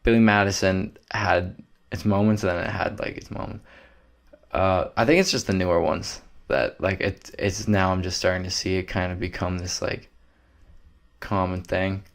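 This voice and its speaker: Young guy, lowish voice, swearing and rambling through a solo podcast. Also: flat delivery, normal speed. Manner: rambling, profane, loose and offhand. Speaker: podcast host.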